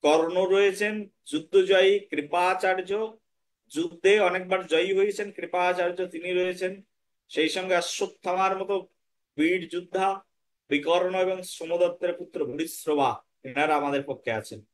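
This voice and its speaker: A man's voice: high-pitched, steady tone. A man with a Bengali accent teaching a scripture lesson, patiently breaking Sanskrit verses into syllables and chanting them. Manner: slow syllable-by-syllable Sanskrit drilling. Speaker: Gita teacher.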